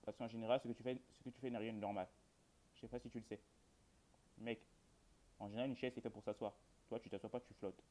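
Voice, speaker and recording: On the low side and darkish in tone, his voice shows little pitch movement; he talks at a quick pace but leaves long pauses. A video host, he rambles through casual horror game commentary aimed at viewers, speaking colloquially with dry jokes.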